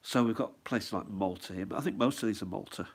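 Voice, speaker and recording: Speaking quickly in a fairly low voice with a breathy edge, a middle-aged man nursing a head cold shows his stamp album at home. He rambles and muses, often asking himself questions, in easygoing show-and-tell chat.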